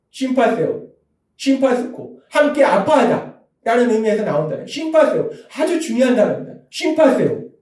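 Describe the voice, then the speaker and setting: High-voiced emphatic male pastor preaching. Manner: emphatic preaching, swinging from loud outbursts to soft hushed speech. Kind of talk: sermon. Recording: echoey church hall, distant mic.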